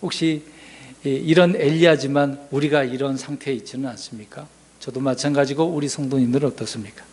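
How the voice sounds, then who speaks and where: A man preaching a sermon as pastor, asking the congregation questions and swinging from loud emphasis to hushed asides. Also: medium pitch, steady tone, brisk, husky.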